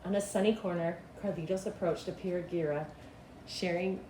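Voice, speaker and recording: Here a middle-aged woman who is a school principal reads a children's storybook aloud, her voice sitting on the low side and her delivery expressive and deliberate. It's recorded indoors in a small cinderblock school room by a camera a couple of meters away, so the sound is echoey with clear background noise.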